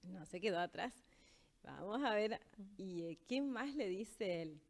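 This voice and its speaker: A woman teaching in a casual language lesson, explaining patiently and slowing down to read example phrases. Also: mid-range voice, animated.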